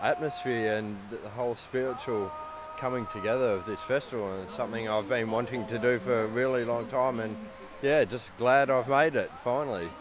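A man's voice: medium pitch, moderate pace. A man, talking casually and a little hesitantly in a vox pop interview. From Australia. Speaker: festival-goer. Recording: outdoor noise behind.

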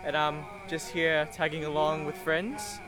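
A man chats easily with an interviewer in a relaxed, unhurried tone. His voice sits somewhat high for a man. Clear music plays behind him, and he is a little off the mic. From Malaysia. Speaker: festival-goer. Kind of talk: vox pop interview. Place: outdoor music festival. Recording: music playing behind, voice a bit distant.

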